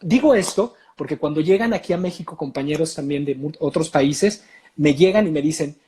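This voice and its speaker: A man with a Mexican accent, a voice coach talking in an interview, explaining in an animated way with many filler sounds. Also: on the high side, brisk. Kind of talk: casual interview talk.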